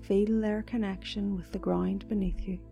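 Soft, slow woman guiding a meditation. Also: medium pitch, level tone, faint music behind. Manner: soft, slow, soothing, partly breathy. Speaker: meditation guide. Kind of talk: scripted guided meditation.

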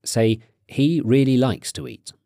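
A man narrating a language course, asking prompting questions and explaining grammar in a clear, instructive way. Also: mid-range voice, measured pace, mellow, no echo, studio quality.

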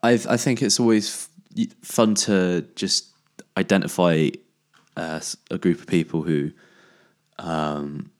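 A man's voice: deep voice, steady tone, measured pace. A man hosting a casual chat, hesitant and searching for words with many ums. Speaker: podcast host.

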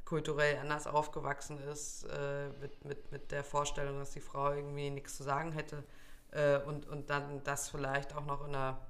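A woman co-hosting a casual podcast chat, talking in a halting way and searching for words. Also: deep voice, completely flat delivery, fairly bright tone. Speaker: podcast co-host.

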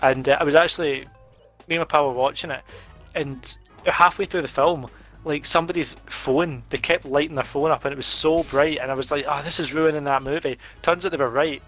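A man chatting casually over a board game, telling an animated story, laughing often and swearing freely. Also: on the high side, a little fast, soft background music. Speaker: podcast co-host.

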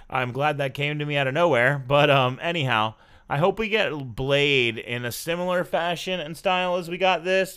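A man's voice: mid-range voice, pushed and bright, clear, resonant tone. A man hosting a podcast, chatting casually and reviewing a show in a rambling, self-correcting way. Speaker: podcast host.

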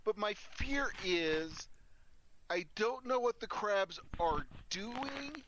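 Man playing a tabletop game on a headset, higher voice, lively swings, faint noise. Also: low-quality recording. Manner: quick, considerate, chatty. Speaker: player. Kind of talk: tabletop game play over voice chat.

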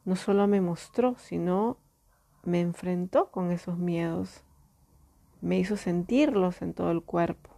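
Woman, personal storyteller: mellow tone, reflective, halting delivery with restarts. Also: lowish voice, creaky.

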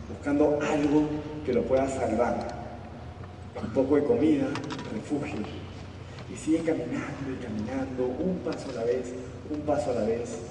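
A man giving a motivational talk, telling a fable in a slow, hushed storytelling manner. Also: medium pitch, noisy background. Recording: echoey hall from far off.

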